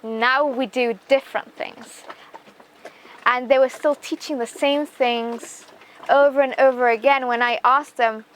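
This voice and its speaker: A woman's voice: high-pitched, steady tone, unhurried, fairly bright tone, slight background noise. A young woman from Romania with an English accent, a sailing vlogger talking chattily to her viewers, with fillers and restarts. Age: young adult. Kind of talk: casual vlog talk.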